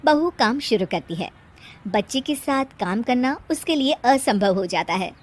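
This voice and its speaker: A woman's voice: a little high, animated, measured pace. A woman narrating a scripted moral story as a storyteller.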